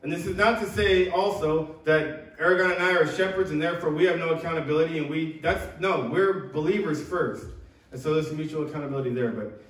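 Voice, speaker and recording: A high-voiced man delivers an earnest sermon to his congregation, often breaking off and restarting his sentences. He sounds some way from the microphone in a church sanctuary, and his voice rings around the room. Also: a little fast. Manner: earnest preaching with many restarts. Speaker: pastor. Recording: echoey church room from far off.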